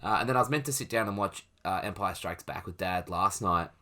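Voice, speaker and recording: A man's voice: low-pitched, brisk, pushed and bright. A young man, co-hosting a casual podcast chat in a rambling, laid-back way. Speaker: podcast co-host.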